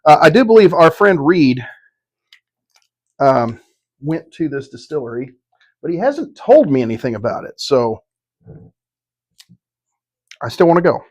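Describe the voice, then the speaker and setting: A middle-aged man chatting casually through a whiskey tasting review, with a folksy, profane, halting delivery. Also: a little high, sing-song.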